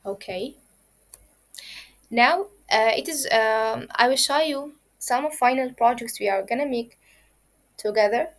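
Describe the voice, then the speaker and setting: A woman with Arabic as her first language teaches kids basic coding, talking a little slowly and pausing often. Her voice is a bit high, and she goes point by point, repeating herself with frequent fillers.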